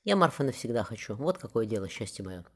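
A man reading the part of a grave, devoted middle-aged architect in an audiobook, earnest and low-key. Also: sing-song, quick pace, a bit bright, slightly rough, exaggerated voice.

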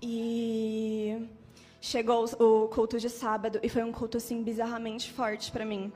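A young woman in her twenties telling an emotional church testimony in an animated storytelling manner. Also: a little high, unhurried, big-room sound, faint music behind. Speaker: testimony speaker.

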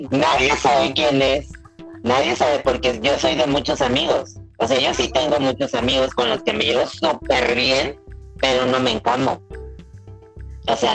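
A Mexican woman talks candidly and laughs easily on a video call. Her voice sounds robotic and glitchy because the connection keeps breaking up. It is very gravelly and swings widely in pitch, with faint music behind her. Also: low-quality recording. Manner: candid, chatty, laughing often. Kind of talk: casual chat on a recorded conversation.

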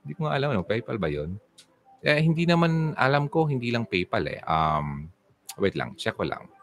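A man's voice: mid-range voice, normal speed, slight background noise. Chatty man hosting a livestream. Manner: chatty, teasing, animated, switches into English. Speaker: livestream host giving relationship advice. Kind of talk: casual livestream chat reading viewer comments.

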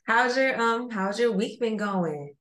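A woman's voice: a little high, lively intonation, unhurried, a bit bright. A woman chatting casually as a podcast co-host from a hotel room, teasing and repeating phrases for emphasis. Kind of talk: casual chat. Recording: roomy echo of a hotel room.

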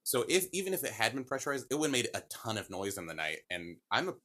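A man's voice: mid-range voice, big pitch swings, quick pace, pushed and bright. A man telling his own ghost stories casually as a podcast guest, rambling and correcting himself with lots of fillers. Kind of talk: casual storytelling.

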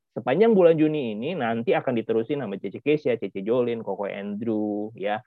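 A man's voice: a little high, no room sound. A man teaching a children's Sunday school class, his voice swooping up and down as he acts out grumpy friends and fires questions at the kids. The sound is dry and a little dull, like lo-fi video call audio. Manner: lively, acts out angry kids' quotes, asks questions.

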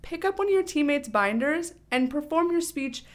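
A woman's voice: sits high, lively intonation, normal speed. A woman speech coach co-hosting a podcast, chatting in an upbeat way with many fillers. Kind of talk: casual podcast chat.

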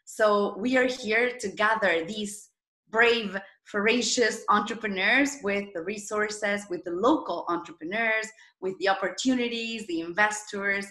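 A woman's voice: mid-range voice, normal speed, bright, forceful tone, reverberant. A woman in her thirties from Argentina, a startup founder telling her story as an interview guest with eager enthusiasm. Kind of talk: video interview.

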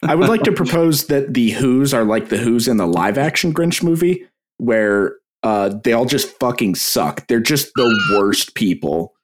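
A man's voice: medium pitch, unhurried. Guy cohosting a podcast, laughs constantly, voice bouncing all over. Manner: laughing often, animated. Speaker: podcast co-host. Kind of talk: casual comedic chat.

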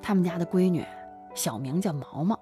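A woman telling a story in animated chat, dramatic and full of sighing interjections. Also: lowish voice, normal speed, faint music behind.

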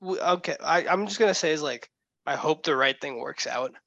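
A young man co-hosting a casual sports podcast, joking and quick with his asides. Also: on the high side, gravelly, bright, forceful tone, no echo, lo-fi sound. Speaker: podcast co-host.

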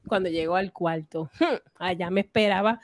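A woman's voice: lowish voice, moderate pace, no echo, clean studio sound. A woman telling a childhood story on a podcast, acting out the voices she quotes. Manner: lively, acts out quoted voices. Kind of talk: casual storytelling chat.

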